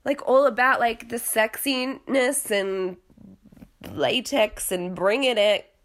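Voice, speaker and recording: A woman's voice: on the high side, slow. Dramatic, gossipy woman podcaster. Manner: rambling, gossipy, self-deprecating; dramatic, exclamatory. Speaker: podcast host. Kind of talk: casual chatty reality TV recap.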